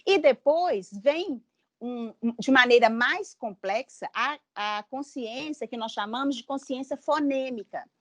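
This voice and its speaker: High-voiced woman explaining patiently. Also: expressive, no echo. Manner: patient, tags sentences with "né?", spells out syllables slowly. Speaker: educator. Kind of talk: explanatory talk for parents.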